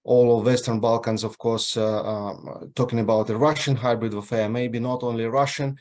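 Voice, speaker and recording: A man from Ukraine, moderating an online panel over a video call, halting often with filler sounds and restarts. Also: medium pitch, fairly even intonation, a little mellow.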